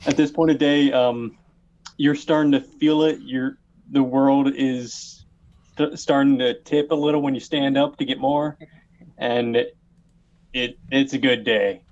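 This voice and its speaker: A man's voice: mid-range voice, fairly even intonation, a little mellow, dull audio. A man acting as game master, narrating a tabletop game in an easygoing way with many fillers. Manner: slow, easygoing, hesitant with fillers.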